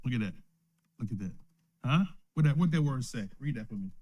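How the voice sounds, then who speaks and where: A man of elder age leads a casual Bible study, broadcast live from his home or a small study. His medium-pitched voice is animated, brisk and mellow. Almost every point ends with "right?", and he chuckles a lot.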